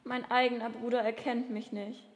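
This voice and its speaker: A woman's voice: fairly high pitch, level tone, moderate pace, in a large hall, lightly acted. A woman playing a proud, stubborn young nobleman who insists on who he is in an audio drama.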